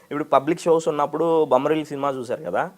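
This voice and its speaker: A man's voice: fairly high pitch, racing, darkish tone. A man being interviewed as a mimicry artist, explaining his imitations in an easygoing way. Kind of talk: casual interview chat.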